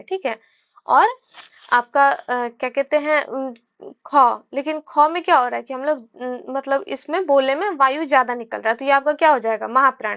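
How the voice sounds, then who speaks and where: A woman teacher walks through a grammar lesson in a high voice, pausing on fillers and checking in with her listener. The recording sounds dull and lo-fi. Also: fairly bright tone. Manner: explanatory, frequent fillers and check-ins.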